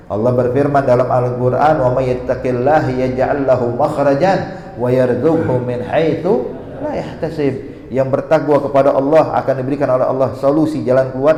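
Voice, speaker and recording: A man's voice: a little high, darkish tone, a little hiss or hum. A man with an Indonesian accent giving an Islamic sermon. He tells a story and acts out its dialogue, and he quotes Arabic as he goes. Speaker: preacher. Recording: echoey hall.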